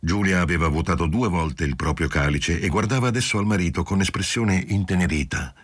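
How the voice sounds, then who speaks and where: A man giving steady, measured literary audiobook narration. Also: low voice, no echo.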